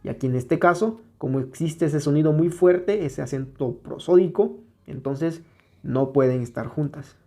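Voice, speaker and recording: A man with a Mexican Spanish accent teaching an exam-prep lesson, patiently explaining step by step and sounding words out slowly. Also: fairly high pitch, dark tone.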